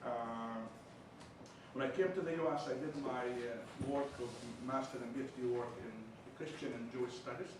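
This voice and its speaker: In a lecture room, a university chaplain from Palestine delivers a seminar lecture at a moderate pace in a medium-pitched voice with a heavy Arabic accent. He throws in teasing, jokey remarks. The audio has echo, background noise, and a distant mic.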